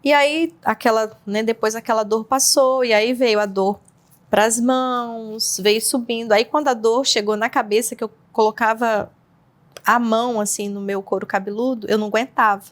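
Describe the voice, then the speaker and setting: A woman telling her personal story in an interview, speaking haltingly with frequent restarts and fillers. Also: a little high, fairly even intonation. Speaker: interview guest. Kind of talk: personal testimony in conversation.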